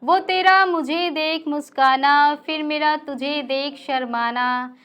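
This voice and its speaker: A young woman reciting her own poetry at an open mic. She says each couplet twice, the second time louder and with more force. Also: sits high, fairly even intonation, slow. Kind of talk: reciting Hindi poetry on stage. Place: small live stage.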